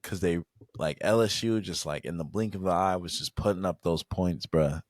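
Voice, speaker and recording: A man's voice: low voice, moderate pace, no room sound, clean studio sound. A young man hosting a sports podcast, laid-back and casual, reeling off game stats with the odd sigh. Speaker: podcast host.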